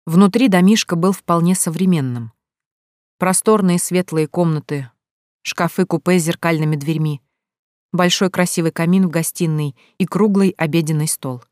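An audiobook narrator reading scripted narration in a steady, even storytelling manner. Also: medium pitch, moderate pace, dry recording, clean studio sound.

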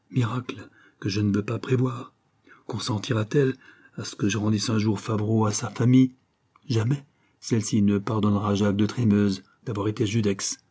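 A tormented young nobleman, read by a man, low and dark-voiced, with a husky edge. He speaks with grave, sorrowful determination, torn between his heart and his duty. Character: anguished young nobleman hiding his love, resolute.

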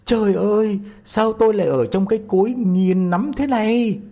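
A man voicing a tiny, bold and mischievous boy no bigger than a thumb, shouting loudly. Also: sits high, animated, measured pace, breathy edge, pitched above the performer's own voice, heavily acted. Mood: panicked shouting.

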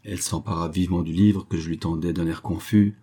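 A man reading a classic short story aloud in measured, unhurried storytelling. His voice is low and husky, with a dark, mellow color. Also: fairly even intonation. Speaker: audiobook narrator. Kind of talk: literary audiobook narration.

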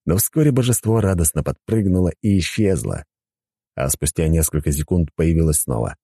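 A man narrating a scripted story in a lively, animated way, with a husky voice. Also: sits low, normal speed, no room sound.

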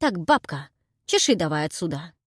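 A woman voicing a gruff, burly male bandit who barks his lines roughly. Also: sits low, big pitch swings, moderate pace, no room sound, clean studio sound, full character voice. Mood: shouting. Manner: rough barking shouts.

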